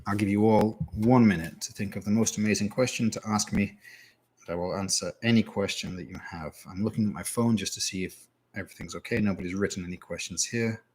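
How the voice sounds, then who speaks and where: A man's voice: on the low side, steady tone, fast talker, a little mellow, husky. A man, a teacher, answering questions in a casual live stream with dry, self-mocking humor. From England. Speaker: English teacher.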